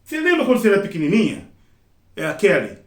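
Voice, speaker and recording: A middle-aged man teaching a sign language interpreting class in a casual, lively way, acting out his examples. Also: high voice, fast. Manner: lively, acts out examples and quotes. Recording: echoey room, mic at a distance.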